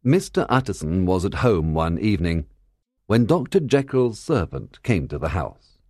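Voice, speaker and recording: A man narrating a classic story as a learner audiobook, in clear, measured storytelling. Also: deep voice, very animated, darkish tone, dry recording, studio quality.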